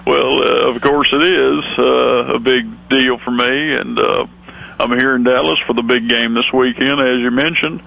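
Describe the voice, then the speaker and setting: A man's voice: medium pitch, steady tone, moderate pace, vocal fry, muffled recording. A man playing a folksy longhorn steer mascot. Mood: deadpan. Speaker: phone-in comedy bit.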